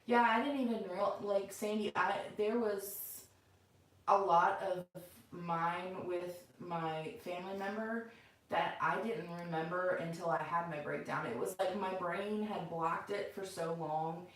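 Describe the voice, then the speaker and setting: A woman's voice: fairly low pitch, fairly even intonation, a little slow. A middle-aged woman chatting casually and unscripted to viewers as the host of a livestream from home. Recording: very echoey room, far from mic.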